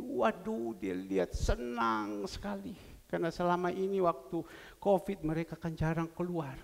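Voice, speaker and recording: A male pastor preaching a sermon, telling a story with lively swings between loud cries and soft asides. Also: high voice, creaky. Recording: long reverb of a church hall.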